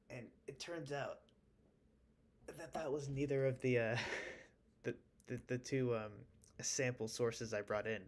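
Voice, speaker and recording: A man streaming live as a music producer, chatting in a relaxed, rambling way with stammered restarts, still in his morning voice. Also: mid-range voice, slight background noise. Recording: music playing faintly behind.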